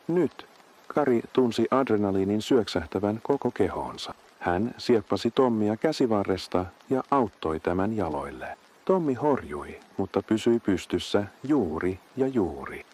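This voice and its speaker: A man reading a horror story as scripted narration, with a steady, even delivery. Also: on the low side.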